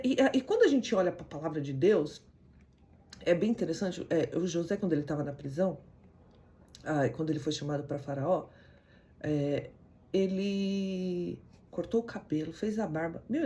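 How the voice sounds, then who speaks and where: A woman with a Brazilian accent giving an animated motivational teaching talk as a communication coach, often tagging her sentences with a questioning "né?". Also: medium pitch. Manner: animated, frequent "né?" tags, acts out quoted voices.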